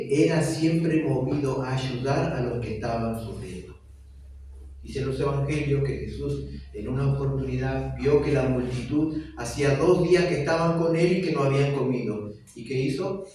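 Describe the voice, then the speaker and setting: A pastor with an Argentine Spanish accent preaching a sermon slowly and emphatically, repeating key phrases. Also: male voice, medium pitch, mellow, a little hiss or hum. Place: church. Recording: echoey church hall, mic from a distance.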